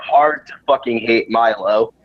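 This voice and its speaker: Halting teenage guy on a dull mic. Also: mid-range voice. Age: teens. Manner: hesitant, halting, swears casually. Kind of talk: casual group chat. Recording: dull lo-fi mic with faint noise.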